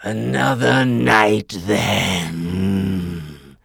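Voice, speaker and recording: A man voicing a huge, angry male tiger who speaks slowly, loudly and with menace, in a storybook reading. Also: deep voice, fairly even intonation, gravelly, slightly rough, no echo, studio quality, full character voice. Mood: grudging. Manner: slow, loud and looming.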